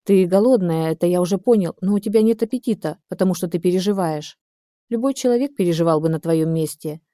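Woman reading as a calm reassuring man. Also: lowish voice, quick pace, no room sound, clean studio sound, natural voice. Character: calm helpful German man.

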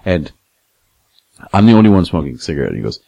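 A young man casually telling rough stories, swearing a lot and acting out what people said. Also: low-pitched, quick pace, dry recording, highs cut off. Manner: animated, swears a lot, acts out quotes. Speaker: podcast guest telling stories. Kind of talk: casual profane storytelling.

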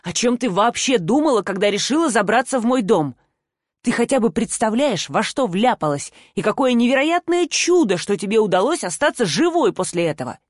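A woman's voice: fairly high pitch, very animated, a little fast, dry recording, clean studio sound. Routek, a woman voicing a stern weary man. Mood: angry scolding. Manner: harsh, exasperated, scolding. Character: stern tired man scolding a young woman.

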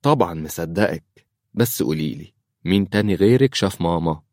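A man's voice: deep voice, lively intonation, brisk, darkish tone, dry recording, studio quality. A man with an Egyptian accent playing a troubled, secretive middle-aged priest who speaks hesitantly. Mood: uneasy.

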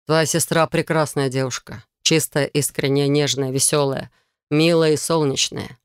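A woman voicing a composed young prince who talks calmly and evenly in an audiobook. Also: low voice, clear, resonant tone, no echo, clean studio sound, close to an everyday voice. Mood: calm, cool. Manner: calm, measured.

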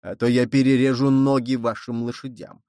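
A man reading as a gruff rebel leader with a scythe, blunt and threatening. The read is dry and close. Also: medium pitch, level tone, normal speed, mellow, no room sound, close to an everyday voice.

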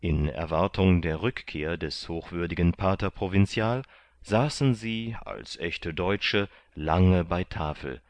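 A man narrating a classic novel as an audiobook in a measured, even storytelling manner. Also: low voice.

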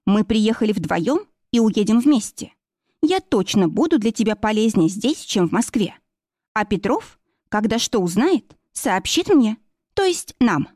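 A woman doing a sharp-tongued bossy woman. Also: mid-range voice, very animated, a little slow, no room sound, clean studio sound. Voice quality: curt, snappish.

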